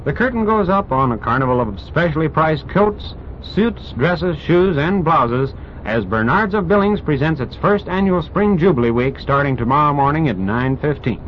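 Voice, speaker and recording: A male radio station announcer reading a commercial in a brisk, upbeat sales delivery, heard as an old radio broadcast. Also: on the high side, animated. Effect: old radio broadcast sound. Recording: dull lo-fi old radio recording with faint hiss.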